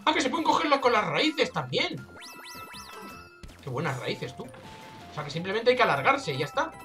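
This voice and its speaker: Excitable Spanish gamer with lively bright voice. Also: male voice, high-pitched, normal speed, soft background music. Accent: Spain Spanish. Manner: excitable, jokey, exclamatory. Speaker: let's play gamer. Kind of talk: casual gameplay commentary.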